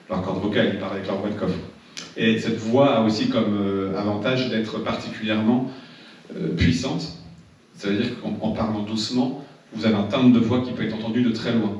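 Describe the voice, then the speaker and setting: A man with a lowish voice gives a public-speaking lesson to a seminar audience, often restarting and repeating words as he goes. He is picked up by a distant mic in a very echoey room, and the sound is dull and lo-fi. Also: darkish tone. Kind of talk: seminar talk to a live audience.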